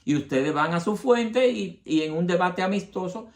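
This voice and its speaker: A man's voice: sits high, lively intonation, normal speed. Man explaining history to viewers. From Dominican Republic. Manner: addresses the audience directly, explains with examples. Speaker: history channel host.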